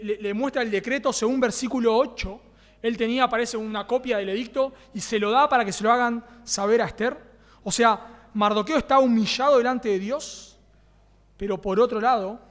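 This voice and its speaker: A man's voice: sits high, long reverb tail. A man with a Rioplatense Spanish accent preaching a sermon as pastor, earnest, repeating key phrases and asking the congregation rhetorical questions. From Argentina. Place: church.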